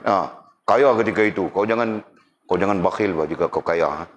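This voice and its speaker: Lecturing at a moderate pace in a relaxed, rather low voice, a man leads a religious class. He often asks whether his audience is keeping up and tosses in playful teasing, while a faint hum sits in the background.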